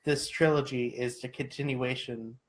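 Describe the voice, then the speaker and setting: A man's voice: mid-range voice, fairly even intonation, moderate pace, rough recording. A young man co-hosting a casual podcast chat, joking and theatrical. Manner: jokey, theatrical. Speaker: podcast co-host.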